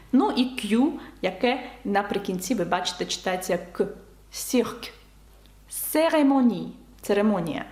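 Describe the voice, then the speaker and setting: A woman teaching French in an online lesson, patiently explaining spelling and repeating example words slowly. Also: mid-range voice, roomy sound.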